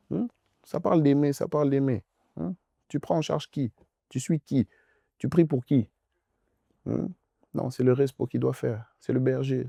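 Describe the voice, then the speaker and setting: Young male pastor fielding youth questions; lively, swooping delivery, hammers points home by repeating them. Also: medium pitch, vocal fry, no room sound, clean studio sound. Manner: emphatic, repeats phrases insistently, addresses listener directly. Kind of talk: preaching in a youth Q&A session.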